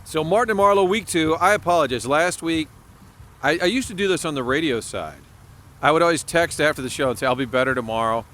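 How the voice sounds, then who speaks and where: A man's voice: fairly high pitch, quick pace, a bit bright. Joking man hosting a chat podcast. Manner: hyper, joking. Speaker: podcast host. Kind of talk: casual chat.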